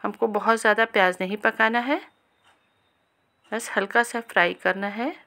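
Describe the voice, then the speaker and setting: A woman hosting a cooking channel, giving a calm, step-by-step recipe voice-over and speaking directly to viewers. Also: mid-range voice, moderate pace, vocal fry.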